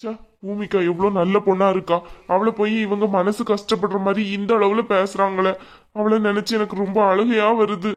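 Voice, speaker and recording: A man's voice: high-pitched, little pitch movement, fairly quick, lightly acted. Cartoon drama: a man as a young husband who defends his wife, pleading and upset. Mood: worried. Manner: pleading and indignant. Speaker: cartoon voice actor. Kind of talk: Tamil cartoon drama dialogue.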